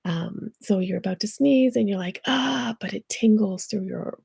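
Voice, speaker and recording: Gravelly-voiced woman rambling casually. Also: mid-range voice, normal speed, warm tone, no echo, studio quality. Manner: rambling, full of "um" and "like". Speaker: spiritual healer. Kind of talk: casual talk to camera.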